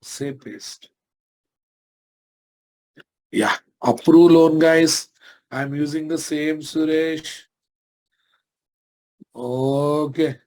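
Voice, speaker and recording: A man's voice: a little high, fairly even intonation, drawn-out words, pauses often, a little mellow. A man with a Telugu Indian accent giving an informal live programming lesson, often addressing his listeners directly and asking checking questions. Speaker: programming instructor.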